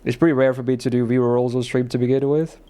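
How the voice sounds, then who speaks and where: A man's voice: mid-range voice, fairly even intonation, fast, mellow, slight background noise. A male streamer chatting casually with his viewers, loose and rambling, often laughing and swearing.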